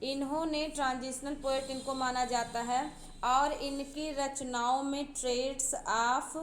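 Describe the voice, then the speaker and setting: A high-pitched woman lectures on poetry for exam preparation. She goes step by step, repeating each key term so students can note it down. The room is echoey, with a faint hiss of background noise. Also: fairly even intonation, takes it slowly. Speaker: teacher. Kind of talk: exam-prep literature lecture.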